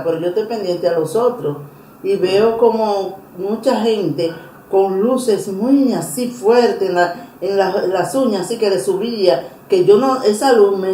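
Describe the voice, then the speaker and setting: A woman telling her personal religious testimony in an interview, earnest and emotional, pausing and restarting often. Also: mid-range voice, mellow, slight background noise. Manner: earnest, emotional storytelling with many pauses and restarts. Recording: roomy echo.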